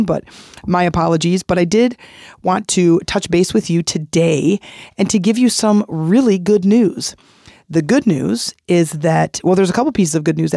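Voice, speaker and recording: A middle-aged woman with a raspy voice, hoarse from laryngitis, hosting a motivational podcast in a conversational, encouraging way. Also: lowish voice, warm tone, no echo, clean studio sound. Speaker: podcast host.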